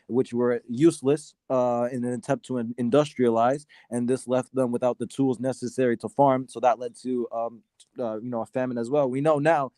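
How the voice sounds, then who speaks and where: A man from Sudan arguing his side in a casual debate, halting often with fillers and restarts. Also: medium pitch, fairly even intonation, dark tone, no room sound. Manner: hesitant, many fillers and restarts. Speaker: debate guest.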